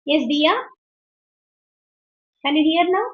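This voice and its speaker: A woman's voice: high-pitched, extremely slow. A woman teaching an online English grammar class, patient and questioning, often switching into English as she explains. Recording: dull lo-fi online call audio.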